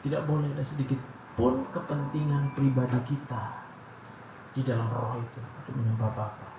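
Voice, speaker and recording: Animated man preaching in an echoey room. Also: medium pitch, moderate pace. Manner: animated, asks rhetorical questions and acts out prayers. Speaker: doctor giving a devotional talk. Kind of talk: devotional sermon. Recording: echoey room with loud background noise.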